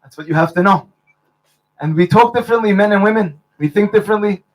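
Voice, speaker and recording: A man with a high voice speaks at a wedding under a chuppah. He tells stories and jokes to the bride and groom, and he mixes Hebrew blessings into his talk. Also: quick pace, low-quality recording. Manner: warm storytelling with Hebrew blessings. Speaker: wedding officiant.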